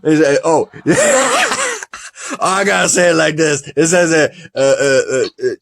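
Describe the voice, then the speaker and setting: A male podcast host chats casually, his voice swinging up and down with lively energy. He sits a bit higher than most men in pitch and keeps things playful, often breaking into laughter as he reads results aloud. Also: unhurried, gravelly. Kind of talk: casual review chat.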